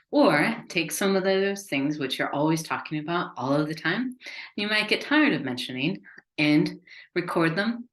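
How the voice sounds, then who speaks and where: This American business consultant has a deep, slightly bright voice. She's presenting an upbeat, conversational webinar, and the room she's in is echoey.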